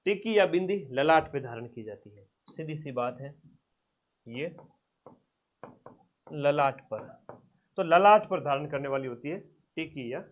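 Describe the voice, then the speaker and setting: A male teacher giving an exam-prep lecture. He repeats terms slowly for students to write down, and his loudness and distance from the mic keep changing. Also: animated. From Rajasthan. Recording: dull low-fidelity classroom recording.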